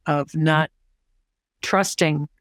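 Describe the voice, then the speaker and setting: A woman in her sixties, a social worker and counselor, talking as an interview guest in an enthusiastic, expressive way. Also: deep voice, drawn-out words, no echo, clean studio sound. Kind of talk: casual conversation.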